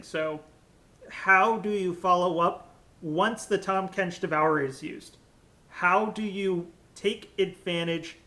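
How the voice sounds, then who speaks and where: A man's voice: high-pitched, sharp tone. A young man solo casting an esports draft, chatty and jokey, thinking aloud on a headset mic. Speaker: esports caster.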